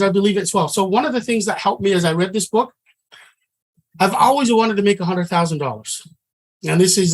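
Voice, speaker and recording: In a low-quality recording, a middle-aged Samoan man with a high voice teaches trading. His manner is earnest and conversational, with frequent sentence restarts.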